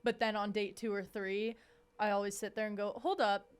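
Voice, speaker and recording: A woman in her twenties co-hosting a podcast, chatting casually in a blunt, profane and animated way. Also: mid-range voice, normal speed, smooth. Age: 20s. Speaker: podcast co-host. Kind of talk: casual chat.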